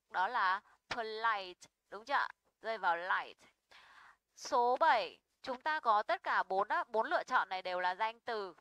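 A young woman teaches English stress rules, her voice bright and crisp. She is patient and keeps checking that her students follow. The sound is dry and close, with no room echo. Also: on the high side. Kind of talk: online English pronunciation lesson.

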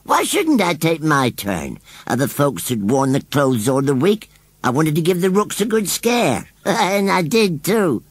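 A sulky, drawling rustic scarecrow. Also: male voice, fairly high pitch, very animated, husky, dry recording, pitched above the performer's own voice, heavily acted. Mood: cheeky, sulky. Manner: slow drawl, wheezy chuckling. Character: touchy, sulky old male scarecrow, rustic.

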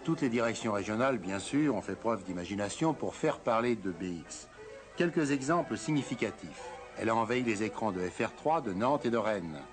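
A man reading scripted narration for a corporate film in a measured, formal way. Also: on the low side, animated. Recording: narration over loud music.

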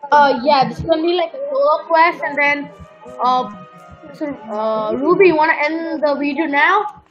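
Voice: high voice, normal speed, fairly bright tone, faint music behind. A young co-player in casual gameplay chat, heard over a muffled voice connection.

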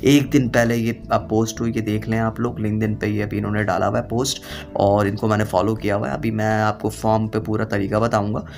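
A man's voice: on the low side, flat delivery, a little fast, gravelly, a little mellow. A man giving a voice-over walkthrough, urging and reassuring viewers and repeating steps. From Pakistan. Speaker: job-info YouTuber. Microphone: voice-over, not recorded on site.

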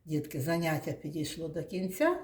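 A woman teaching young children, slowly and patiently sounding out words and praising them. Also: low-pitched, sing-song, a little mellow. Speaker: kindergarten teacher. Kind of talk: classroom lesson for young children. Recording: echoey room.

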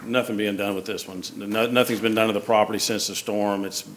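Lower-voiced man reporting with fillers. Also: level tone, a little fast, slight background noise. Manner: plain, hesitant with many fillers. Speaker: city code official. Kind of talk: reporting to a council. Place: council chamber.

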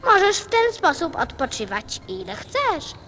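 Woman playing the high-voiced, curious Little Prince. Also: wildly swooping pitch, a little slow, a bit bright, soft background music, exaggerated voice. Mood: gentle, thoughtful. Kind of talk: Polish radio play acting.

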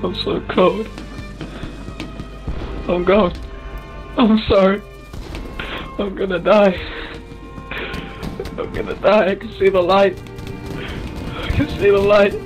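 A man's voice: high-pitched, level tone. A man voicing a sorrowful, melodramatic dying soldier, pleading in improvised video game role-play. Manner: pleading, drawn-out. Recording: dull game chat under loud music.

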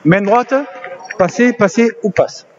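High-voiced basketball coach giving drills. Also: male voice. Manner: directive, coaxing players with quick commands. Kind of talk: coaching demonstration on court. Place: indoor basketball gym. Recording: slightly dull lo-fi sound with faint noise.

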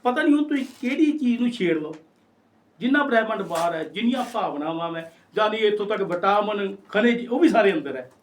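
Fast-talking older man poet, high voice. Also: animated, far from the mic, slight background noise. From Punjab, India. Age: 60s. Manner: storytelling, acts out quoted voices. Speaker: poet, interview guest. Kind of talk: casual interview talk.

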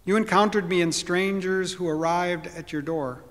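A man's voice: high-pitched, moderate pace. A man in his sixties preaching a sermon from a church pulpit, earnest and reflective. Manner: earnest, reflective preaching with occasional soft laughs. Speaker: pastor. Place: church sanctuary, at a wooden pulpit. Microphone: pulpit microphone. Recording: long church reverb.

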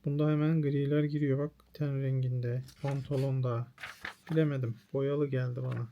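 A man's voice: medium pitch, level tone, moderate pace, highs cut off, a little hiss or hum. A man, a manga artist, thinks aloud while browsing pages, musing in short, clipped verdicts.

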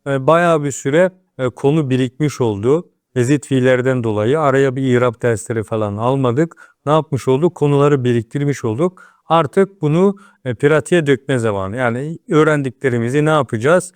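A man's voice: mid-range voice, moderate pace, hardly any pauses, clear, resonant tone, no room sound. A man teaching an Arabic grammar lesson, asking questions and then answering them himself.

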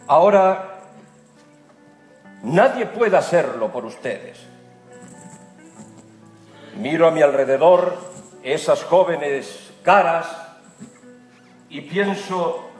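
A middle-aged man, giving a rally speech as a solemn, epic dramatic narration with deliberate pauses. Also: fairly high pitch. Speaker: speaker at a political rally. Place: large dark auditorium with a seated audience. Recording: echoey hall from far off, music behind. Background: music.

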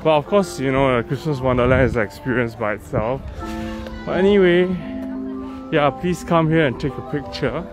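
A man hosting a casual walking tour vlog, chatting as he walks and films on a phone. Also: medium pitch. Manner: slow, chatty, upbeat guide. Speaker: vlog host. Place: large indoor and outdoor garden complex at night. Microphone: handheld phone camera while walking. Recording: background music mixed in.

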